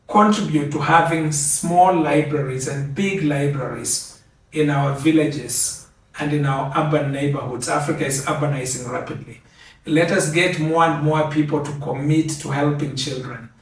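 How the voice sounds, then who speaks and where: An older man from Kenya giving a measured, earnest acceptance speech, repeating key phrases for emphasis. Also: on the high side. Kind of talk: formal speech. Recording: very echoey, from a distance.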